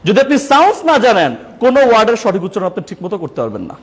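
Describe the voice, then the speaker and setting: High-pitched and rapid-fire, with huge swings in pitch, a sweating man with a Bangladeshi Bengali accent runs a class for teachers in a training classroom. As their trainer, he quizzes them call-and-response style and cracks jokes with them.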